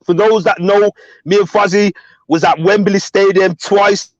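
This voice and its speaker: A man's voice: high voice, steady tone, measured pace, dry recording. A man calling into a livestream from his car over a choppy internet connection that keeps cutting off his words; he repeats himself to check he can be heard. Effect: choppy internet call cutting out mid-word. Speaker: guest calling into a fan livestream. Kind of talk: casual chat. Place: inside his parked car. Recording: dull lo-fi dry call audio.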